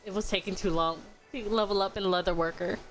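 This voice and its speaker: A woman's voice: mid-range voice, fairly even intonation, a little fast, faint music behind. A woman streamer chatting casually while gaming, ranting with lots of swearing and frequent laughter. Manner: foul-mouthed, ranting, laughs often.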